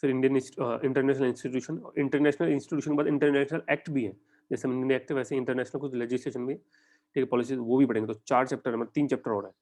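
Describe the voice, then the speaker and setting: A young Indian man giving a conversational exam-prep lecture, often putting quick questions to his students. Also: mid-range voice, steady tone, darkish tone. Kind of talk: online lecture in mixed Hindi and English.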